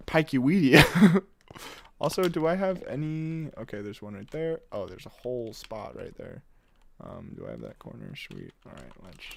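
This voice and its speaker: Giggly young man with a lively voice. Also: mid-range voice, slight background noise. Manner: giggly, laughs often, reads chat aloud. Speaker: streamer. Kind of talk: casual live-stream chat while gaming.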